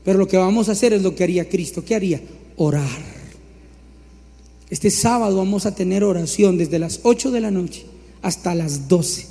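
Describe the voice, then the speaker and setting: A male pastor preaching in a high, ringing voice. He builds his points through repeated phrases and slips into mocking mimicry of others. His voice carries a long reverb from a large hall. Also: normal speed, warm tone. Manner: emphatic preaching with rising repetitions. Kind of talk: sermon.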